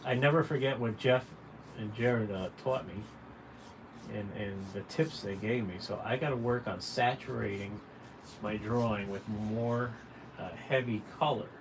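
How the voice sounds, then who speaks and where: Noisy room ambience is clearly heard as a man with a voice on the low side gives an unhurried drawing tutorial on his livestream. He's a caricature artist, and his manner with viewers is casual, folksy, direct, and encouraging.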